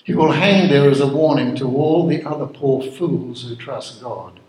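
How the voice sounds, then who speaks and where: A man voicing a demon lieutenant who speaks in a flat monotone, in a roomy echo. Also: mid-range voice, normal speed, lightly acted. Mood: grim. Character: grim male demon lieutenant.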